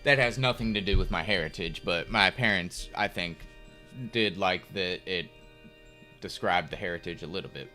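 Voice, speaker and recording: Faint music hums behind a young American man's deep, sharp-toned voice as he chats at normal speed on a chess live stream. He's relaxed and rambling, leaning on lots of filler words.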